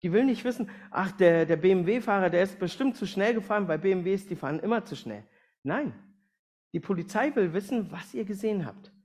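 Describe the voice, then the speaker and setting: Speaking as a guest preacher for a missionary aviation organisation, a man delivers a sermon and mission presentation to a congregation. His high voice is brisk, a little mellow and lively in intonation, and he talks plainly, putting questions to listeners and using everyday illustrations.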